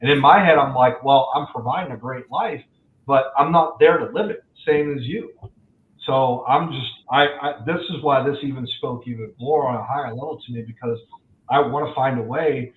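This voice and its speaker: On an echoey, tinny remote call, a man in his forties talks as a guest on a podcast interview. He's a loan officer with a medium-pitched voice at normal speed, sharing his thoughts candidly and reflectively.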